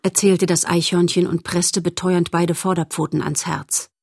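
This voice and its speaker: A woman narrating a storybook in a calm, measured way, as an audiobook reader. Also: on the low side, gravelly, husky, dry recording, clean studio sound.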